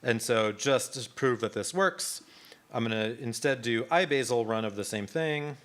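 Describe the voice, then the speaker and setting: A man's voice: medium pitch, normal speed, fairly bright tone. A man leading a live coding workshop, explaining in a casual, conversational way with many fillers and restarts. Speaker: workshop instructor.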